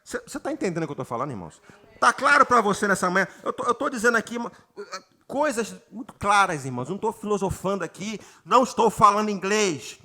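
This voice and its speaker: A man from Brazil, a pastor preaching a sermon, reading scripture slowly and often calling out to the congregation with rising emphasis. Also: high-pitched, sing-song, bright, forceful tone. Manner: reads scripture slowly and has the congregation repeat words. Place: church retreat gathering.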